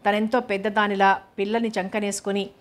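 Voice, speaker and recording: A woman reading a novel aloud in a steady, measured narration. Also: medium pitch. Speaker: audiobook narrator.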